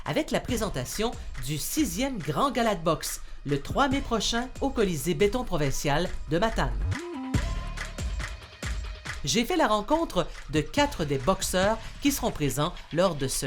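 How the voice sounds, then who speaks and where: A woman, a community TV reporter asking clear, conversational questions. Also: fairly low pitch, big pitch swings, moderate pace, faint music behind. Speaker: TV reporter and host. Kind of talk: community TV interview.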